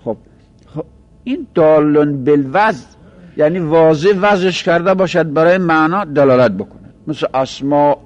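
A man teaching a grammar lesson, explaining slowly and repeating each point, stretching key terms and dropping quiet at the ends of phrases. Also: a little high, lo-fi sound. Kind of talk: seminary-style grammar lesson.

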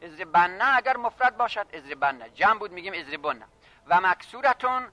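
A man teaching a classroom lesson on grammar, reading phrases slowly and then explaining them briskly while addressing his students. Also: high voice, bright, forceful tone. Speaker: seminary teacher of Arabic grammar.

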